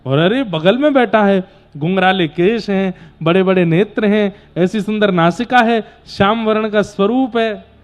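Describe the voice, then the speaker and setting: A man's voice: high-pitched, measured pace. A man giving a fervent devotional discourse, telling sacred stories and urging listeners to give up pride. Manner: fervent, exhorting, storytelling. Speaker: religious storyteller. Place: live religious gathering.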